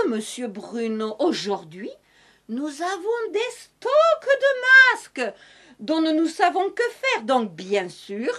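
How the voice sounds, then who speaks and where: Woman doing a talking face mask, put-on southern French accent, high lively voice, slow, theatrical. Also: heavily acted. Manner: theatrical, giggly, mock-official. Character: Madame Masque, a chatty talking face mask. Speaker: guest in sketch. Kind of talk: comedic sketch.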